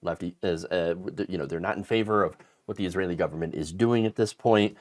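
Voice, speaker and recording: A man hosting casual political commentary, sarcastic and animated, mocking politicians with put-on quotes. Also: low voice, brisk.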